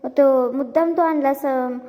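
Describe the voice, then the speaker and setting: A woman voicing a sharp-tongued young wife from a TV serial, speaking in quick scolding retorts. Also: high voice, fairly even intonation. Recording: long reverb.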